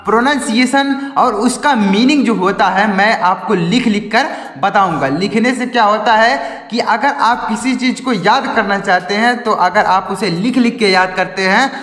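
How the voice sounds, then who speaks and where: A man's voice: high-pitched, moderate pace, few pauses, a bit bright. A man teaching English vocabulary who spells each word letter by letter, then asks and answers his own questions. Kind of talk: spoken English vocabulary lesson. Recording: echoey room with long reverb.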